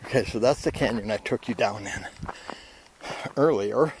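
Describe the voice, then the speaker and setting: A man's voice: lowish voice, normal speed. An older man talking casually while hiking a canyon trail, out of breath, rambling easily with fillers into his handheld camera. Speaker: hiking vlogger. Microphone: handheld camera while walking. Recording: loud outdoor noise.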